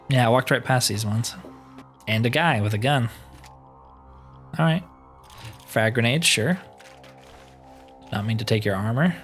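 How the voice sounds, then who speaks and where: Slightly hoarse male let's player, mid-pitched, chatty and wry, faint music behind. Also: fairly bright tone. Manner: chatty, wry asides about loot. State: slightly hoarse, losing his voice. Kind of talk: casual gameplay commentary.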